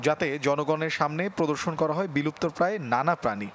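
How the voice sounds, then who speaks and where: A man's voice: a little high, fast talker, a bit bright. A man with a Bangladeshi accent narrating a scripted television news report as its reporter. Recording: crowd noise behind the voice.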